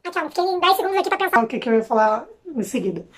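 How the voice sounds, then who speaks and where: A young woman from Brazil chats to camera in a high, bright-pitched voice, with a Brazilian Portuguese accent. She is expressive and talkative, dropping slangy asides as she goes. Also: racing. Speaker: vlogger. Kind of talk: casual chat to camera.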